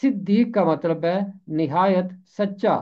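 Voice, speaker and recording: A man teaching Urdu pronunciation, repeating each word slowly and carefully and explaining what it means. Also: high voice. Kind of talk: slow deliberate Urdu pronunciation lesson. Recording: dull lo-fi recording.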